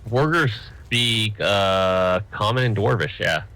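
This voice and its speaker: A man running a tabletop game as game master, halting with frequent ums before reading out descriptions. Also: on the low side, expressive, sharp tone. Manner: halting, lots of ums when improvising.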